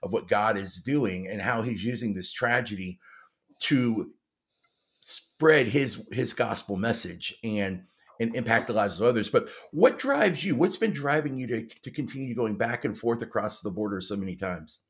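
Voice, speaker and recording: A man's voice: lowish voice, animated, moderate pace. Rambling male podcast host. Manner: rambling, searching for words. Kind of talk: casual interview hosting.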